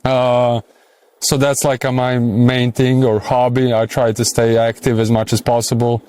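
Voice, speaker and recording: A man's voice: medium pitch, flat delivery, measured pace, a little mellow, clear, resonant tone, no room sound. A man in his thirties from Serbia, speaking English with a Serbian accent, answering interview questions casually and hesitantly with many fillers.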